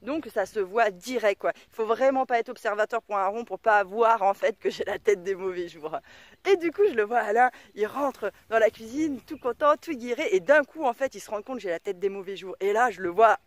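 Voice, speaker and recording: A woman vlogger and mother telling a story to camera in a casual, slangy and very expressive way. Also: medium pitch, brisk, dry recording. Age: adult mother of a son.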